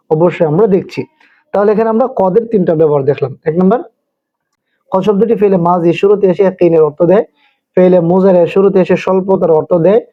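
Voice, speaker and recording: A man with a Bangladeshi Bengali accent teaching Arabic grammar in a lecture style, going through each term methodically with examples and recaps. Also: high-pitched. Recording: phone-like narrow sound.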